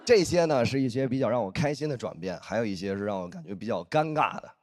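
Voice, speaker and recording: A man performing a stand-up comedy set, telling a story in an animated way and acting out the dialogue. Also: medium pitch, quick pace, some chatter behind. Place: stage in front of a live audience.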